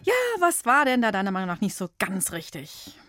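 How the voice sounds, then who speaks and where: A woman's voice: mid-range voice, very animated, brisk, fairly bright tone. Upbeat woman hosting a kids' quiz. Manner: upbeat, encouraging, chatty. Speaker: radio quiz host. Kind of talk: children's radio quiz hosting.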